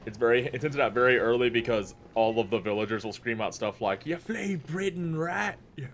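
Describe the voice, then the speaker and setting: A man with a lowish voice tells the backstory of a game in a casual, stop-and-start way, piling up likes and ums. The recording carries a clear layer of background noise. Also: steady tone, fast talker. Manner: storytelling, hesitant with many restarts. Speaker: gameplay co-host recapping lore. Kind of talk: casual let's-play chat.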